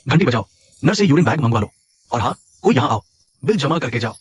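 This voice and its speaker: A man plays a hospital doctor in a dubbed drama. He rattles off his lines fast and offhand, with a lively, bouncing pitch, and teases as he goes. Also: slight background noise, lightly acted. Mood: breezy. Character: breezy teasing male hospital doctor.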